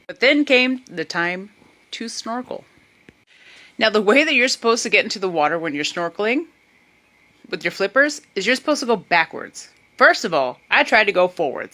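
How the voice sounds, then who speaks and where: A young woman animatedly telling a comic travel story to her camera. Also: mid-range voice. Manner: animated, puts on voices for others. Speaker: vlogger. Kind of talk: casual storytelling.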